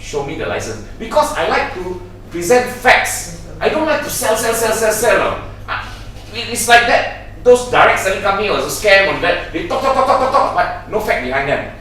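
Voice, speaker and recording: A middle-aged man with a Malaysian English accent tells his business story on stage, acting out whole conversations and repeating himself for effect. His pitch leaps up and down as he goes. He sounds a little off-mic, with a big echoing hall around him. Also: normal speed, slight background noise. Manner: animated storyteller, acting out dialogues with repetition. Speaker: business presenter. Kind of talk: testimonial speech on stage. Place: large indoor venue. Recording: echoey hall, voice from far off.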